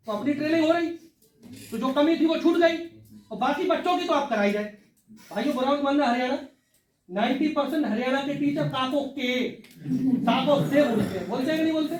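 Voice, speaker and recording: Middle-aged male drama teacher, high voice, echoey classroom, heard from a distance over a crowd. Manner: animated, demonstrates lines syllable by syllable. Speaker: drama lecturer. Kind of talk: lecture workshop with class. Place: classroom with audience. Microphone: far from the mic. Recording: echoey room from far off with crowd.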